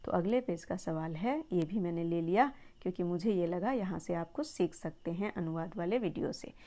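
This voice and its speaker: A woman teaching a Sanskrit textbook lesson to children, patient and encouraging, slowly repeating words to model pronunciation. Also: lowish voice, warm tone.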